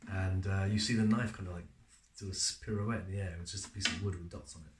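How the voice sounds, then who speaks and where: A man's voice: low voice, quick pace, roomy sound, background noise. A man who is an actor, answering interview questions in a casual, chatty way with lots of fillers. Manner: relaxed, chatty storyteller with frequent fillers.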